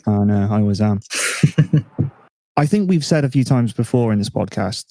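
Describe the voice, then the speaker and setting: A man hosting a casual podcast chat, relaxed and self-mocking, thinking aloud with restarts. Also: on the low side, normal speed, dry recording. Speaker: podcast host.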